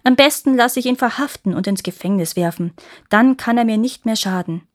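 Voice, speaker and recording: A woman's voice: on the high side, brisk, lightly acted. A woman doing a scheming storybook king. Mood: commanding. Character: mistrustful aging male king, scheming father.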